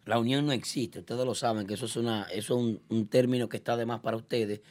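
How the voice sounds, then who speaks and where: A man hosting a radio podcast, lecturing emphatically with sudden jumps in pitch. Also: fairly even intonation, quick pace, a little mellow. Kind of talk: heated studio talk show. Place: studio with several guests at a table.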